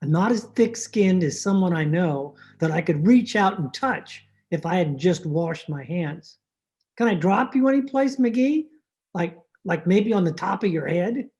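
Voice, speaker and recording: A woman's voice: lowish voice, expressive, unhurried, darkish tone. A woman playing a droll, wisecracking veteran family doctor in old-time radio comedy, with dry, wordy sarcasm. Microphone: video call microphone.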